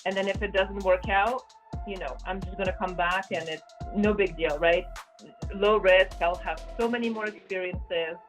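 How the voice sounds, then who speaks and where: A Polish woman in her thirties who grew up in France appears as an interview guest, chatting casually and earnestly with many fillers, repeated words, and restarts. She's a business consultant and former volleyball captain. Her mid-range voice has fairly even intonation at a moderate pace, with faint music behind her.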